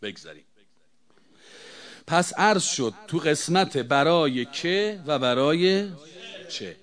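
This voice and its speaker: A man giving a religious talk to a gathering, rhetorical and insistent, moving between loud emphatic bursts and quiet low asides. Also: animated. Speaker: religious eulogist speaking on mourning rites.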